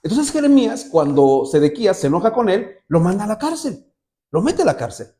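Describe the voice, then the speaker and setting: A male pastor delivers a sermon before a church congregation, reading scripture aloud and then retelling the story for his listeners. His voice sits a little high yet sounds mellow and warm. He moves through a lively range, asking the room questions as he goes. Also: brisk.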